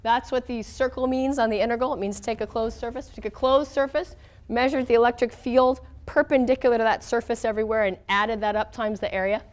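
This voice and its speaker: A woman's voice: on the high side, fairly even intonation, a little fast. An American woman giving an informal physics lecture, her voice weak from a cold, conversational and often checking in with her students. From southern United States. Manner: conversational, checks in with okay and all right.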